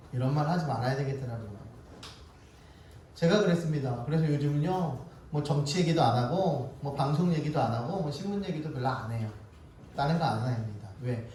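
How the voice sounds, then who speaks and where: A male pastor preaching a sermon in a church, telling stories in an animated way with a laugh in his voice. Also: a little high, brisk. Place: church sanctuary. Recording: echoey church hall from far off, faint noise.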